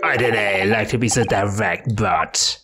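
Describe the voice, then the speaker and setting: A man doing a gruff, hostile prison governor with a mock Scottish brogue. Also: on the low side, pitched below the performer's own voice, natural voice. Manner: curt, threatening, slow and drawn out. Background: game music.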